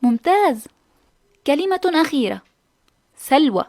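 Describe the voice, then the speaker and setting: High-voiced woman teaching children. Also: very animated, a little slow, a little mellow. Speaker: teacher host. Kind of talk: scripted children's lesson narration.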